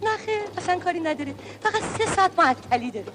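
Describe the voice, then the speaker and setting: Brief: a sharp, demanding director with a high voice and curt, sarcastic delivery. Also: female voice, expressive, background noise. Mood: irritated.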